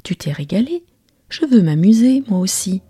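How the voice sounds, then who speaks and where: A woman's voice: medium pitch, very animated, moderate pace, dark tone, breathy edge, dry recording, faint music behind, voice pushed up. A woman voicing a tiny, plucky boy in a whispered bedtime storybook role-play, with eager exclaiming whispers. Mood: cheeky.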